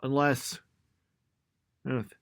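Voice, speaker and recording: A man's voice: medium pitch, flat delivery, slow, creaky, a bit bright, clean tone, no room sound, clean studio sound. A man co-hosting a podcast in casual chat, rambling and second-guessing himself as he thinks aloud. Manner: rambling, self-doubting, thinks aloud with fillers. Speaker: podcast co-host.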